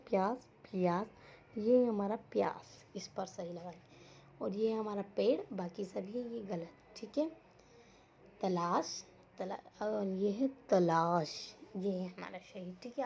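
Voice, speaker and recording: A school teacher with a dark, medium-pitched voice and vocal fry leads an online lesson for small children. She is patient, repeats words and asks the class questions, while the recording sounds dull and lo-fi with faint noise.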